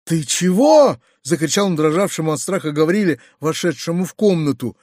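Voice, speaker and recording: A man's voice: on the high side, fast talker, darkish tone, no room sound, studio quality. Man reading a classic novel aloud. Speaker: audiobook narrator. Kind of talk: scripted literary narration.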